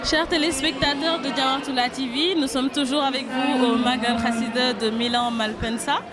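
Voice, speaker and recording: A woman's voice: high-pitched, fairly even intonation, normal speed. A woman hosting an interview at an event, addressing viewers and putting questions to a guest. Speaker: interviewer for a web TV channel. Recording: loud music and crowd behind. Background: loud music, busy crowd.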